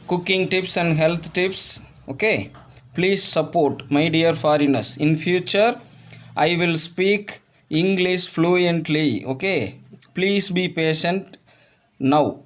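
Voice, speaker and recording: A male presenter with a high voice and Tamil as his first language demonstrates cooking a home remedy. He speaks slowly in halting, broken English, repeating "okay" between phrases.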